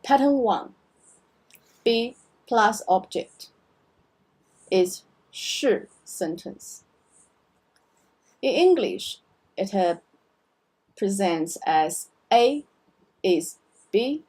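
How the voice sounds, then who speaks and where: A middle-aged woman teaching a beginner language lesson, explaining slowly and drilling words over and over. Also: medium pitch, lively intonation, a little mellow, slightly rough, low-quality recording. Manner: slow, careful explanations with repeated drills.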